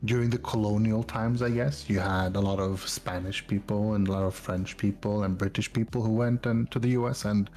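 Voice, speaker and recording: Lower-voiced man explaining, asking "right?". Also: steady tone, fairly quick, few pauses, darkish tone. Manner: explanatory, keeps checking in with "right?" and "you know?". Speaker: podcast co-host. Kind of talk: casual chat.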